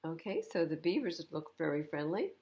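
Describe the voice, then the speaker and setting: Her low, mellow voice swings widely in pitch at a moderate pace as she reads a picture book expressively to young children, stopping to explain the pictures for her storytime audience.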